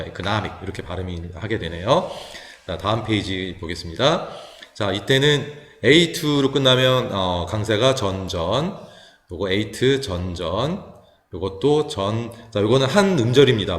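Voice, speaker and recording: A man who teaches high school English, explaining pronunciation step by step in a patient lecture style with many small fillers. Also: fairly bright tone. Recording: echoey, reverberant room.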